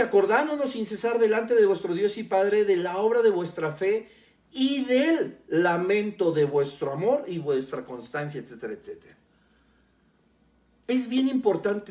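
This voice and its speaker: A man's voice: high-pitched, a little mellow. A man preaching a sermon as a pastor, teaching earnestly and speaking straight to the listener. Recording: roomy echo.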